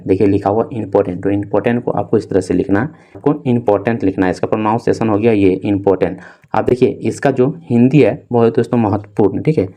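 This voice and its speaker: Here a young man teaches English reading in a warm, lowish voice. Spelling is done slowly, letter by letter, and he repeats "dosto" and "theek hai" over and over.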